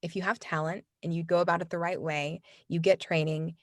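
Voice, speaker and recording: A woman who coaches voiceover artists talks earnestly in a casual interview, often restarting sentences and using plenty of fillers. Her lowish voice holds a level tone at a fairly quick pace, captured dry on a studio microphone with studio quality.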